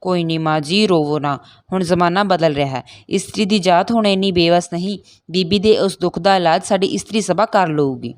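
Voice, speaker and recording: A woman reading the part of a calm, determined young village wife who speaks reassuringly. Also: lowish voice, brisk, dry recording, lightly acted.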